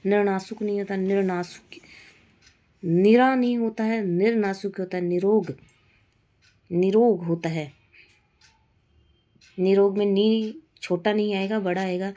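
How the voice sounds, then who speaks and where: Mellow-voiced woman drilling spellings. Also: mid-range voice, fairly even intonation, unhurried, long pauses. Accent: Indian. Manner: drills words, stating wrong then right spelling. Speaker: Hindi teacher. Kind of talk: exam-prep spelling lesson.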